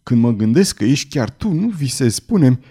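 A hulking executioner, tormented and volatile, voiced by a man reading aloud. His voice is dark and mellow, breaking from shaky murmurs into raw cries. An audiobook character voice. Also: medium pitch, sing-song, slightly rough. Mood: tearful, tender. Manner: swings between trembling murmurs and anguished shouts.

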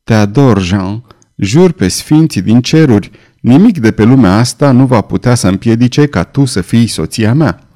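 Guy doing a tender young lord reassuring his love, mellow warm voice. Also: mid-range voice, lively intonation, natural voice. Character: tender young nobleman, protective lover.

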